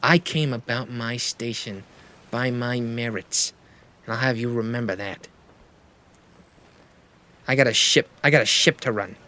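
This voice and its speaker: A man's voice: medium pitch, quick pace, hardly any pauses, sharp tone, slight background noise, close to an everyday voice. A man playing a stern, proud male ship captain who answers in a clipped, defensive way.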